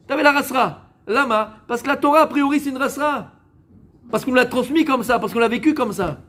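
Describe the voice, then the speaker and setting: French rabbi, high male voice, chatty joking sermon, addresses the crowd directly. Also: brisk, fairly bright tone. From France. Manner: joking, conversational, talks straight to listeners; mixes in Hebrew religious words. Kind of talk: lively sermon to a live audience.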